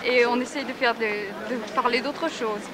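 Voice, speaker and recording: A woman studying mathematics, answering an interviewer calmly and articulately. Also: fairly high pitch, normal speed, a crowd in the background. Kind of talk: 1960s street interview. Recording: noisy old TV reportage.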